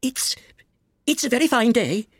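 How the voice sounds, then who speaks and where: Nervous little storybook rabbit, high voice, hushed and scared, very dry sound. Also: male voice, sing-song, no echo, heavily acted. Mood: timid, hushed. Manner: hushed, hurried, frightened.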